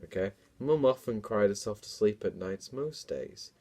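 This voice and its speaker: Here a comedian reads aloud from a book he made as a kid, his voice on the low side and mellow, with lively intonation at a normal pace. The young man performs it dramatically but keeps breaking off for offhand jokes at his own expense.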